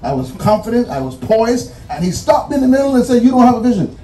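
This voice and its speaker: A high-voiced Bahamian man delivers a graduation address with a preacher's cadence, hammering home numbered points and repeating phrases for weight. His tone is mellow rather than bright, and he sounds set back from the mic in a roomy, echoing space. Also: very animated, quick pace. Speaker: commencement speaker. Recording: roomy echo, distant mic, faint music.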